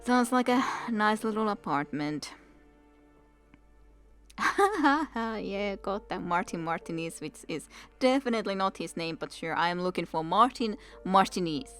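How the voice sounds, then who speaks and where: A woman's voice: mid-range voice, animated, measured pace, fairly bright tone, soft background music. A woman hosting a let's play, chatting casually as she comments on a video game and reads it aloud.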